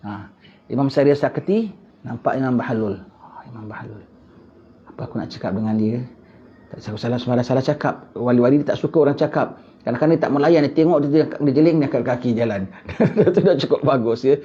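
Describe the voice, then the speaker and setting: A man's voice: mid-range voice, mellow. A man giving an Islamic lecture, preaching animatedly with rhetorical questions and sudden emphatic bursts. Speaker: religious teacher. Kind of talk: Islamic lecture in casual colloquial Malay. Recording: muffled lo-fi lecture recording.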